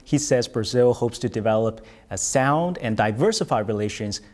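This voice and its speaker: Articulate male interviewer, medium pitch. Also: expressive, moderate pace, darkish tone. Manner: articulate, prepared phrasing. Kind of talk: formal broadcast interview questions.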